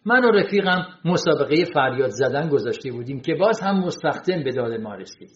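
A man narrating a humorous short story in an expressive storytelling manner. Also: fairly high pitch. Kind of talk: storytelling reading. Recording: roomy, dull sound.

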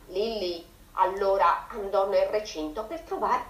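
A teacher, a woman, reading a children's story aloud on radio with a very expressive voice. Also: medium pitch, a little slow, roomy sound, poor audio.

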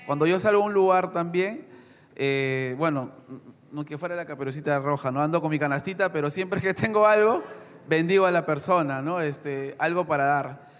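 A man who went on a mission trip, sharing a testimony and exhorting the congregation, lively with some hesitations. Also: a little high, normal speed. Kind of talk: church testimony and short reflection. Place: church hall. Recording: long hall reverb.

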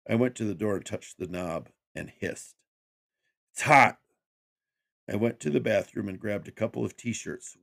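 Deep gravelly guy reading a horror story, slow and grim. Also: a little mellow. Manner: measured, grim dramatic delivery.

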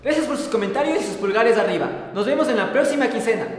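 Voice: mid-range voice, lively intonation, fast talker, very noisy. Sarcastic Ecuadorian web show host, very echoey sound. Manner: sarcastic, mock-naive delivery. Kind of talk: scripted comedic news commentary. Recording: very echoey, reverberant room.

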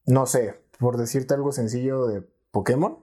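A man's voice: mid-range voice, moderate pace, dark tone, breathy edge. A young man with a Mexican accent, talking loosely on a podcast. He argues his opinions bluntly and swears freely in an easy, joking way. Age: young adult. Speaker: podcast co-host. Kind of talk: casual chat.

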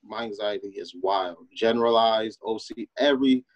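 Lowish-voiced casual male podcast host. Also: normal speed, dry recording. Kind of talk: casual conversational hosting.

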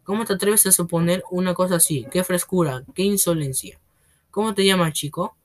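A bullying headmistress from a read-aloud storybook, roaring and scornful, put on by the reader. The pitch sits in a plain middle range. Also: a little fast, lightly acted. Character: bullying, tyrannical headmistress, woman.

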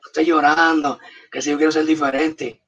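A comics artist with a Puerto Rican Spanish accent tells stories in a casual interview, giving emphatic, punchy advice in short commands. His voice is fairly high, bright and breathy, with a flat, fairly quick delivery, captured on a distant, dull, muffled mic.

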